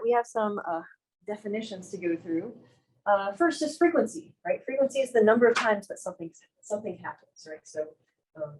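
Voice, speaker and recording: A woman's voice: medium pitch, a little mellow, low-quality recording. A young woman lecturing a math class in a classroom, casual and self-deprecating, often asking the students questions. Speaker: math instructor.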